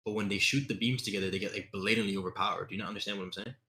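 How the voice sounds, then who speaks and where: A man's voice: on the low side, fairly even intonation, rapid-fire, pushed and bright. A man in a heated online debate, insistent, cutting in and repeating himself.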